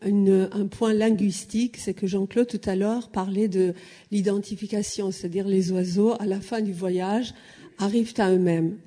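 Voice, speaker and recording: A woman from Iran, whose first language is Persian, explains things to a panel audience. She pauses often with filler sounds. Her voice is mellow and mid-pitched, never sharp. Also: fairly even intonation. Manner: hesitant, many filler sounds. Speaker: panel speaker.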